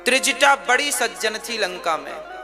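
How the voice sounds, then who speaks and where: A male religious storyteller giving an expressive devotional sermon, full of rhetorical questions. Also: high-pitched, measured pace. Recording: music playing behind.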